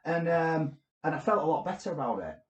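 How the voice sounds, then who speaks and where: A man co-hosting a comedy podcast, telling a strange story with deadpan delivery and sudden shouted bursts. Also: on the high side, a little fast, roomy sound, dull audio. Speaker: podcast co-host.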